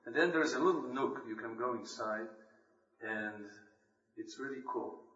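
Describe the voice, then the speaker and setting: Here a man from Poland, serving as a lay preacher, delivers an emphatic, earnest scripture reading and devotional message to a church gathering. His mid-range voice is unhurried and slightly bright, captured in a dull, distant, roomy church recording.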